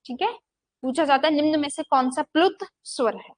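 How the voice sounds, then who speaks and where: High-voiced woman teaching in a dry room. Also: moderate pace, no echo. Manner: asks the class questions and answers them herself, repeating "ठीक है". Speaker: Hindi teacher. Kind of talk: classroom lecture.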